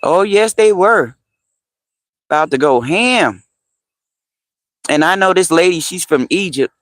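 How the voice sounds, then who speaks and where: A man's voice: high voice, expressive, unhurried, fairly bright tone, dry recording. A man hosting a casual livestream, chatting with viewers, answering their comments, repeating phrases and laughing often. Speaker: livestream host.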